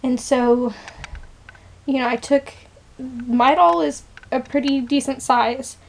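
Vocal fry colors her high, steady voice as she talks slowly on a low-quality recording. The speaker is a shaky, unwell woman in her twenties vlogging casually, rambling with many fillers and restarts, shot close up on a camera's built-in mic in a small bedroom.

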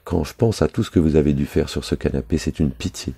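A man's voice: a bass voice, fast talker, gravelly, mellow, husky, heavily acted. A man reading aloud the lines of a jealous, capricious young woman, voicing her with little change from his own voice.

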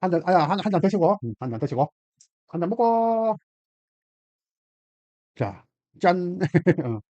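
A man's voice: high-pitched, big pitch swings, a little slow, warm tone, no room sound. A middle-aged man with a Gyeongsang Korean accent, hosting a casual cooking vlog, chatty and exclaiming, laughing often as he talks to viewers. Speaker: cooking channel host. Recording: dull lo-fi dry sound.

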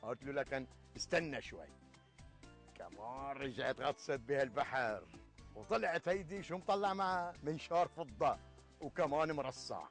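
A man's voice: mid-range voice, normal speed, a bit bright, soft background music, close to an everyday voice. An actor in his sixties playing an older Syrian village man, telling an Arabic folk tale with a moral in colloquial storyteller phrasing. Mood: storytelling. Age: 60s. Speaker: actor in a TV sketch. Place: outdoors in a leafy garden.

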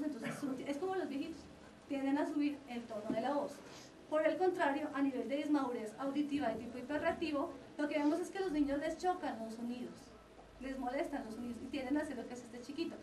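A high-voiced woman lectures at a quick clip, explaining each point and checking that her listeners follow along. The recording is roomy and picked up from a distance in a lecture room. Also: mellow, slight background noise. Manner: explanatory, often checks in with the audience. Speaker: lecturer on child development. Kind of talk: lecture to parents and teachers.

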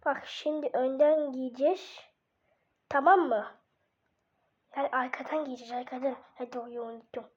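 A woman doing casual gaming role-play, voicing baby characters in excitable, slangy banter with herself. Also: high voice, normal speed, pauses often, slightly rough. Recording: dull lo-fi mic.

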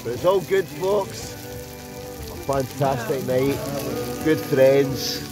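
In a rough outdoor recording, a medium-pitched Scottish man speaks at a slow pace, chatting happily to viewers while he cooks over a campfire at night. Music plays and food sizzles throughout this casual camping vlog.

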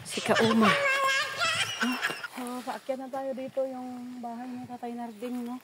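A woman's voice: on the high side, flat delivery, measured pace. A woman vlogger chatting casually with her viewers as she walks around a dry farm. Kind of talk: casual vlog commentary. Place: outdoors on a dry rural farm. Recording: loud outdoor background noise.

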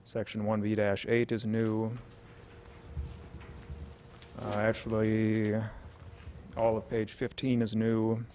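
A man's voice: on the low side, completely flat delivery, warm tone, a little hiss or hum. Matter-of-fact man reading ordinance changes. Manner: measured, matter-of-fact, with frequent uh fillers. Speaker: city official presenting an ordinance. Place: council chamber, indoors. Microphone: podium microphone.

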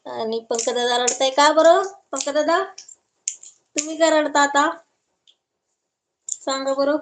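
A woman's voice: high voice, steady tone, measured pace, slight background noise. A woman from Maharashtra chatting casually on a live stream, reading viewer comments aloud and answering each viewer affectionately.

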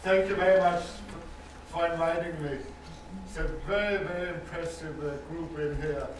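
An older Danish man with a Danish accent speaks to an audience in a university lecture hall as a survivor, giving earnest, measured personal testimony and repeating words to stress points. His voice is on the high side with a steady tone, recorded from far off in an echoey hall with heavy background noise.

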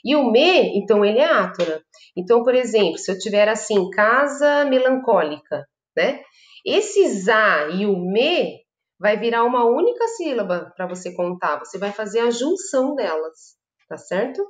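A woman's voice: medium pitch, expressive, moderate pace. A Brazilian woman teaching a literature class, explaining patiently and often checking in with her students. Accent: Brazilian Portuguese. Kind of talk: online class lecture. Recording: echoey room.

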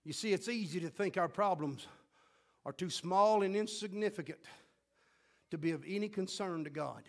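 A man's voice: high voice, moderate pace. A man preaching a fervent sermon as pastor, often breaking in with exclamations of praise. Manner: fervent, punctuates with "glory to God". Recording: loud guitar music behind.

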